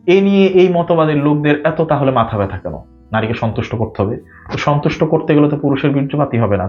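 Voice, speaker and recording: Man with a Bangladeshi Bengali accent, spiritual talk, lively pitch, rhetorical questions, dull lo-fi sound. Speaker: spiritual speaker. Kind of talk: spoken religious talk. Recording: dull lo-fi audio with faint guitar music.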